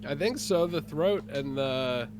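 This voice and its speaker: Pitched on the high side, his voice has lively intonation and an unhurried pace. He's a man with a blocked, stuffy nose, wandering through his gaming strategy with plenty of fillers in a casual voice chat that comes through noisy.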